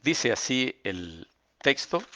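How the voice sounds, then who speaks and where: Man, Bible lesson, slow deliberate delivery, mid-pitched voice. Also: big pitch swings, sharp tone, a little hiss or hum. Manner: unhurried, reads verses slowly with emphasis, adds casual fillers. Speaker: Bible course teacher. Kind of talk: Bible lesson, reading and explaining scripture.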